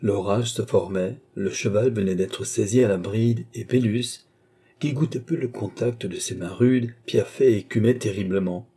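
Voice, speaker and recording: A man narrating a classic novel as an audiobook with a steady, expressive reading. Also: fairly low pitch, moderate pace, breathy edge.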